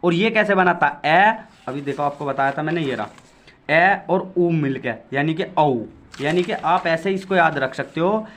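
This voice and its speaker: A man's voice: on the high side, normal speed, a bit bright, a little hiss or hum. A man giving a Hindi grammar lesson for exam prep, explaining patiently, repeating points, drawing out sounds and asking quiz-like questions. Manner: talks to viewers directly with quiz-like questions.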